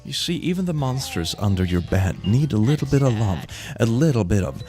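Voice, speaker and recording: A man's voice: mid-range voice, sing-song, brisk, mellow, faint music behind. A man hosting a video where he reads comics aloud and reacts to them, bubbly and playful. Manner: bubbly, playful, breaks into laughter. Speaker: host.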